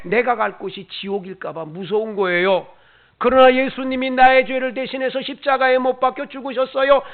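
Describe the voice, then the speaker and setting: Middle-aged guy preaching hard, high voice jumping all over, sounds like a phone line. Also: creaky. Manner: impassioned preaching, swings from loud to hushed. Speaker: pastor. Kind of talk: sermon.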